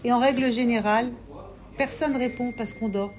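A woman's voice: fairly high pitch, steady tone, normal speed, noisy background. A woman giving an impassioned sermon to a women's gathering, pleading and repeating herself for emphasis. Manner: fervent and pleading, with emphatic repetition. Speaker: religious women's teacher.

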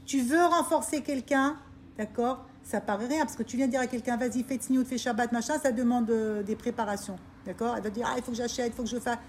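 A woman's voice: on the high side, steady tone, brisk, a little mellow, slight background noise. A woman teaching a group of women about faith, emphatic and repetitive, often asking her listeners if they understand. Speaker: religious teacher. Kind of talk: informal Torah talk to women.

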